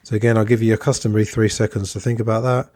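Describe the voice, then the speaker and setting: A male podcast host with a lowish, mellow voice, reading book passages and chatting straight to his listeners. The sound is dry and close, with no room around it. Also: little pitch movement, racing, dry recording. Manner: chatty, reads passages aloud, addresses listeners directly.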